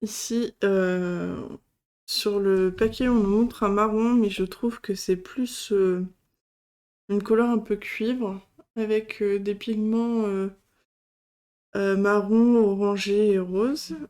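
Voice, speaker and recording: Slow, hesitant woman with a mellow voice. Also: medium pitch, fairly even intonation. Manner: hesitant, many fillers. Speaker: craft channel host. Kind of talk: casual product demo.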